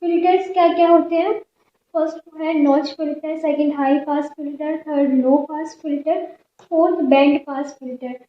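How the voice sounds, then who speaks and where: A woman with a high voice teaches a physiotherapy class, going through her notes one point at a time in a steady, explaining way. The sound is dull and lo-fi, with the echo of a roomy space around her. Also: moderate pace.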